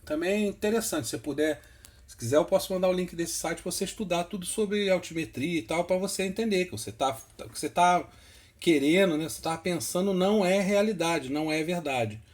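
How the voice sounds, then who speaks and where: Man explaining patiently, slightly high voice. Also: a little fast. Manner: patient, repetitive, checking in with "tá?" and "né?". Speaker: instructor explaining flight instruments. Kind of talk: casual screen-share tutorial.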